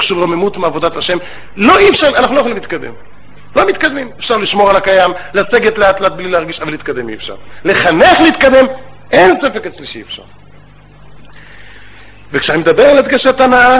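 Rabbi-educator, male, fairly high voice, lively storytelling lecture, faint hiss behind. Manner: animated storytelling with rabbinic phrasing. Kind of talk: religious lecture. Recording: tinny phone-like line with faint noise.

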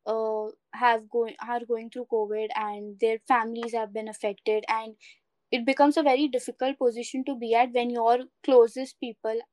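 A woman's voice: fairly high pitch, level tone, normal speed, a little mellow, dry recording. A woman with an Indian accent chatting casually and reflectively in an earnest, encouraging way, slipping between English and Hindi. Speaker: podcast co-host.

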